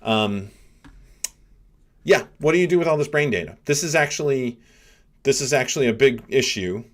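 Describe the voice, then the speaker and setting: A man's voice: mid-range voice, expressive, normal speed. A middle-aged man hosting a live stream as a professor, giving casual reaction commentary and thinking aloud with lots of fillers. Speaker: livestream host, neuroscience professor.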